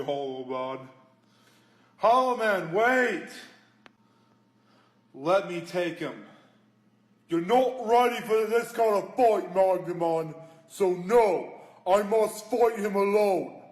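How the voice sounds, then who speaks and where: A young man voicing dramatic male cartoon fighters in a homemade animated clip, delivering threats. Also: high-pitched, slow pace, long pauses. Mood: threatening. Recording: echoey homemade recording.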